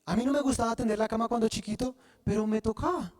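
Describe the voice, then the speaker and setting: A man preaching a sermon, often pausing to have the congregation fill in the word, and restarting phrases as he goes. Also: very high voice, darkish tone. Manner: asks the congregation to fill in words. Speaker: pastor.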